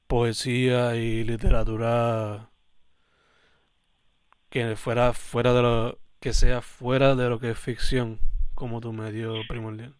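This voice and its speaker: A man's voice: medium pitch, level tone, slow pace, clear, resonant tone, no echo, studio quality. A man hosting a podcast, talking in a laid-back, slangy way. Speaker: podcast host. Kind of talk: casual podcast chat.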